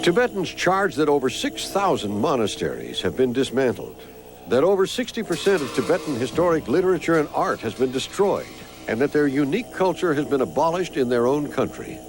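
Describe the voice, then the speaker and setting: A man's voice: on the high side, sing-song, brisk. A man reading scripted documentary narration as the film's narrator. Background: music.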